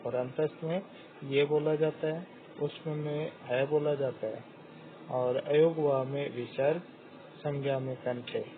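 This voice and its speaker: A man teaching a grammar lesson, slowly and deliberately sounding out each letter one by one. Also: on the high side, steady tone. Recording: tinny phone-like audio with faint hiss.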